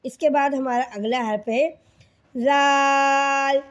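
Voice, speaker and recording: A woman's voice: a little high, darkish tone. A woman teaching children Quran reading in Urdu with a Pakistani accent, patiently repeating letter sounds and checking in with the class.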